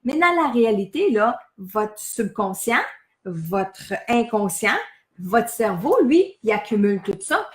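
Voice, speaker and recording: A woman's voice: medium pitch, very animated, a little slow, roomy sound. A woman with a Québécois French accent gives a casual live talk to viewers as a medium. She talks animatedly, keeps asking her viewers questions and acts out the phrases people say to themselves.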